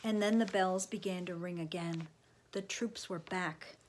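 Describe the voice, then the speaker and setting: A woman reading a children's book aloud, expressive, often dropping into a hushed whisper. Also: fairly low pitch, measured pace, slight background noise. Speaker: storybook reader.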